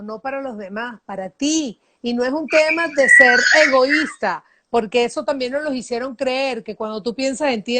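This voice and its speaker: Give me a high-voiced woman hosting a motivational chat in an emphatic tone. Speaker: host. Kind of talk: motivational talk show chat. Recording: loud background noise.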